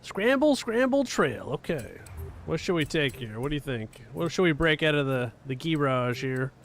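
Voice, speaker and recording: A man casually chatting with his viewers while he live-streams a racing game. He talks in a relaxed way and chuckles often. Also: mid-range voice, moderate pace, slight background noise. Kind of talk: casual gaming stream chat.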